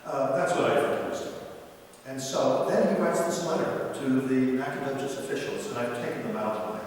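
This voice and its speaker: A man's voice: mid-range voice, animated, fairly quick, slight background noise. A man giving a conversational history lecture in a library, acting out quoted letters with wry humor. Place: library meeting room. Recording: echoey hall recorded from far off.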